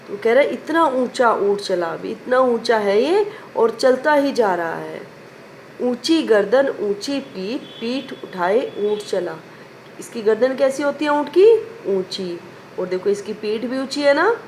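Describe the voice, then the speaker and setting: A woman's voice: a little high, very animated, unhurried, darkish tone, a little hiss or hum. A woman teacher reciting a children's poem in a sing-song way, asking questions and answering them herself. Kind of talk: primary school lesson recitation.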